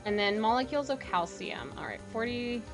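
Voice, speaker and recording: A woman's voice: a little high, brisk, creaky, over music. A woman game streamer giving casual live commentary, informal and thinking aloud as she plays.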